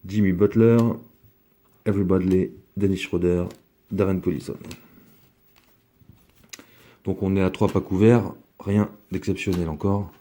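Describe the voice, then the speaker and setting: Man, deep dark voice, casual unboxing chat, rambling, lots of fillers. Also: fairly even intonation, measured pace, long pauses. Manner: rambling, chatty, many fillers. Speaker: card collector opening a box.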